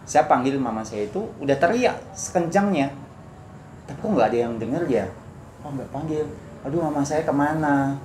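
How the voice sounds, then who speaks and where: A man giving a personal testimony in conversation, telling it earnestly and acting out his own shouts. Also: medium pitch, animated, normal speed. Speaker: guest sharing a testimony. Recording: echoey room with background noise.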